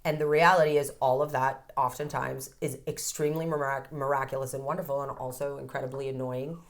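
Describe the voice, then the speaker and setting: A woman's voice: extremely low pitch, a little fast. A woman in her thirties, a codependency counselor, talking candidly as an interview guest and swearing now and then. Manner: candid, animated, swears freely. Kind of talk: casual interview talk.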